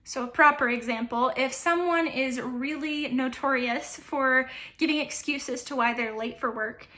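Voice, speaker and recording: A woman's voice: sits high, unhurried, bright, forceful tone. A young woman, teaching idioms as a coach in an upbeat, playful way. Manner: upbeat, playful, with light laughs. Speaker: American accent coach.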